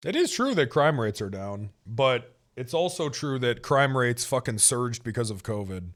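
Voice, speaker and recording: A man's voice: medium pitch, big pitch swings, normal speed, fairly bright tone. A man in his thirties hosting a casual podcast chat, joking and swearing, often restarting his sentences. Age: 30s. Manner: joking, profane, rambling with restarts. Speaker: podcast host.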